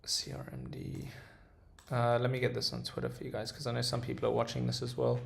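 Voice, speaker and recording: This Dubai-based streamer, a young British-accented man, trades stocks live, walking through charts and answering chat with frequent ums and false starts. His medium-pitched voice is monotone, gravelly and a touch fast. There's a roomy echo and slight background noise.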